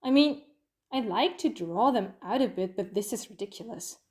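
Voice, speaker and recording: A woman's voice: fairly high pitch, animated, normal speed, darkish tone, natural voice. A woman playing the Doctor, a playful, clever alien traveller, in a fan audio drama, talking in a wry, coaxing, conversational way.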